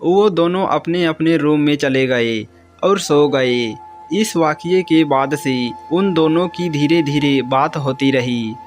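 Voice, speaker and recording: A man narrating a scripted moral story in a calm, measured way. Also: on the high side, soft background music.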